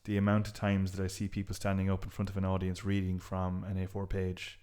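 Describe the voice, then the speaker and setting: Man explaining history, low voice. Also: completely flat delivery, a little fast, dark tone, clean tone. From Ireland, south Galway. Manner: explanatory, chuckles often. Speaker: guest historian. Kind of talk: casual podcast interview.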